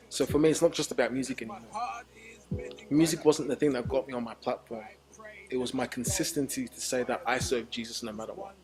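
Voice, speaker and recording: A man's voice: mid-range voice, low-quality recording. Earnest man over crowd chatter. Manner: earnest, reflective, openly confessional. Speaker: gospel musician and minister. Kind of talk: candid interview answers.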